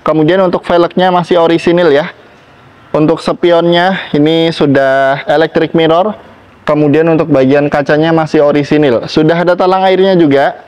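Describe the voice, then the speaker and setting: A man pitches used cars like a practised salesman, talking up one selling point after another. His voice sits a little high for a man. The recording is slightly dull and lo-fi. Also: fairly even intonation, moderate pace, a little mellow, clear, resonant tone. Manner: salesmanlike, talking up each feature. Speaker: used car seller presenting stock. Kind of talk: sales walkaround presentation.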